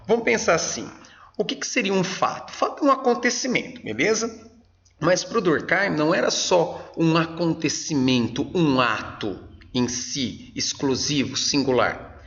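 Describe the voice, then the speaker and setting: Upbeat Brazilian teacher, lo-fi sound. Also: male voice, fairly high pitch, fairly bright tone. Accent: Brazilian Portuguese. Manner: casual, upbeat, checks in with slang. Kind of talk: lecture for exam students.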